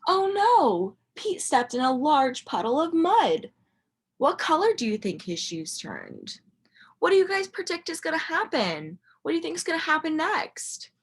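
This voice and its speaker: A woman whose slightly husky voice sits high reads a picture book to little children, acting as a teacher would. Her storytelling is animated and expressive, full of dramatic emphasis and pauses, and she asks them questions throughout.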